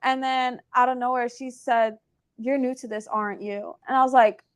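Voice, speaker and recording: A woman's voice: a little high, moderate pace, smooth. A woman in her twenties, a salon owner, telling stories in a casual interview in her nail salon with a chatty, filler-heavy manner. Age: 20s. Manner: chatty, filler-heavy with many "like"s, animated retelling.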